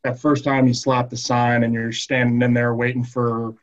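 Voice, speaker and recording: A man's voice: medium pitch, normal speed, lo-fi sound. A young man, a former walk-on player, casually telling stories and acting out what his coaches said. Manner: animated, acts out quotes of coaches. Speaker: podcast host, former walk-on football player. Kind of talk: casual storytelling chat.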